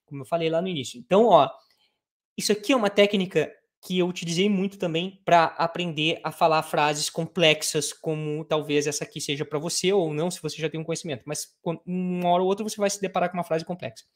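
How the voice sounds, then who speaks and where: A Brazilian woman, a native Portuguese speaker, teaching English in a live online lesson and drilling phrases slowly, piece by piece. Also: fairly low pitch, steady tone.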